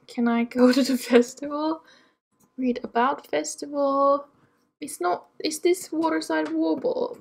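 A woman's voice: sits high, husky. A young woman casually chatting through her game as she plays, rambling and talking to herself with lots of ums. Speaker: let's play gamer. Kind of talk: casual gameplay commentary.

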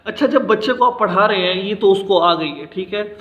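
A man in his thirties gives an alphabet lesson for Quran reading, explaining patiently and drawing out each letter slowly so it can be repeated. His voice sits high for a man. The recording rings in an echoey room and sounds slightly dull and muffled. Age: 30s. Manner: slow, drawn-out letter pronunciations for repetition. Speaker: Quran teacher.

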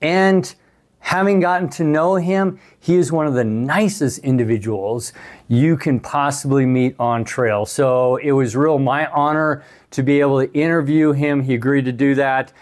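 A casual vlogger in his sixties, a thru-hiker, interviews another hiker while talking to camera in a small hotel room. His voice is medium in pitch and normal in speed, picked up by a clip-on lavalier mic on his chest.

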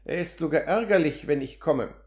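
Barnabas, a man reading a gentle messenger. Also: fairly high pitch, moderate pace, close to an everyday voice. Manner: gentle, calm and unruffled. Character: meek young male village messenger. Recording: roomy echo.

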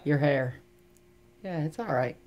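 A middle-aged woman in casual conversation, gently coaxing and reassuring as a parent, explaining things simply. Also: deep voice, lively intonation, unhurried, lo-fi sound. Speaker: parent looking after a patient. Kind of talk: casual chat. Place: small recovery room, indoors.

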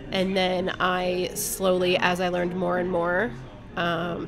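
A woman guest on a podcast, telling a personal story in a candid, blunt way and swearing casually. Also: on the low side. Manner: candid, blunt, speaks her mind.

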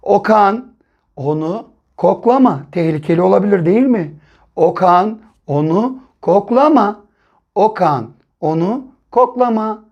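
A male primary school teacher giving a first-grade reading lesson, sounding out syllables slowly and asking the children questions. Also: high-pitched, animated, a little mellow. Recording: dull lo-fi recording.

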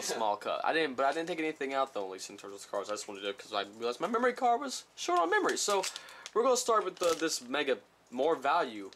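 A man's voice: medium pitch, fairly bright tone, slight background noise. Rambling man reading out trading cards. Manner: rambling, reads card titles aloud slowly. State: slightly sick. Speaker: card unboxing vlogger. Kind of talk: casual unboxing chat. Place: small room at home.

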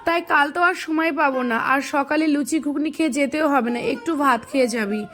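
A middle-aged woman with a hoarse voice, chatting to viewers in a casual home vlog. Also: high voice, fast, fairly bright tone, faint music behind. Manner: chatty, addresses viewers directly. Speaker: vlogger. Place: family home, in and out of doors.

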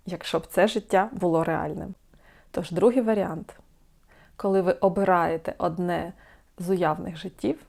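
Woman, slightly low pitch, calm, coaching, self-help video talk, asks questions. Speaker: support group host.

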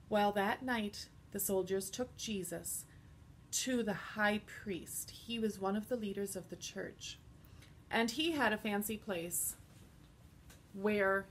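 A woman teaching a children's Bible lesson, telling the story slowly and expressively and stopping to explain simple words. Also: mid-range voice, a little hiss or hum.

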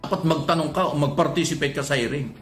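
A man's voice: on the high side, quick pace. A man making heated public remarks, speaking in an accusatory, scolding way.

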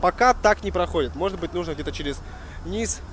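A man's voice: sits high, animated, fairly quick, a bit bright, a little hiss or hum. A man giving live football commentary as a match commentator.

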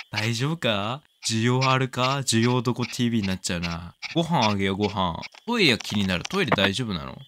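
A man doing casual let's-play commentary, excitable, exclaiming often and cooing at the pet. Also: on the low side, normal speed, background noise. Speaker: game commentator.

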